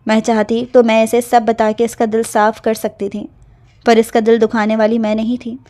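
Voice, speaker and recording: A woman voicing an older aunt who gives tender, slow advice to a young woman in a storybook reading. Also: a little high, monotone, dark tone, natural voice. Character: older aunt, gentle and loving.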